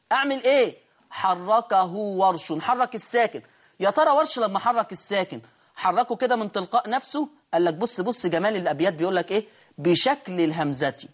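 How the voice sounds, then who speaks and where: A woman with an Egyptian accent teaching Quran recitation rules, asking questions and answering them herself, and reading quoted verses slowly. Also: fairly high pitch. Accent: Egyptian Arabic. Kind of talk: online recitation lesson.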